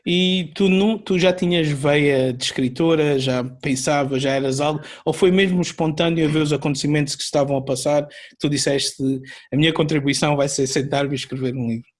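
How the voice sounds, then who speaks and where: A man's voice: a little high, fairly even intonation, brisk, hardly any pauses. A man with a somewhat raised voice hosts a podcast interview. He asks his guest questions conversationally, with a few small hesitations along the way. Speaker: podcast host.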